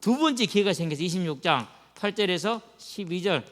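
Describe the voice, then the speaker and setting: A man's voice: high voice, expressive, brisk, a bit bright, big-room sound. A man, a pastor preaching to students in a colloquial storytelling way, full of acted quotes and slang. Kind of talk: sermon to students. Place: church sanctuary.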